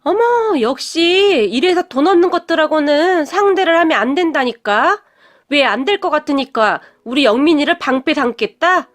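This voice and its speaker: A woman's voice: high voice, expressive, moderate pace. A woman voicing a haughty, wealthy middle-aged mother who sneers and scolds her son's girlfriend. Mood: sneering haughty.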